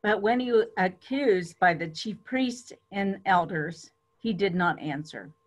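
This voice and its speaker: A woman reads scripture as part of a dramatic church reading. Her voice sits at an average pitch for a woman. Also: animated, unhurried. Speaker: church reader.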